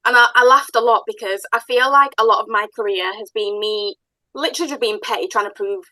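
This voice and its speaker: Bright, chatty woman hosting a podcast. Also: a little high, fairly quick, dry recording, poor audio. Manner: chatty, enthusiastic, animated storytelling. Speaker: podcast host, business owner. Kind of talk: casual podcast conversation.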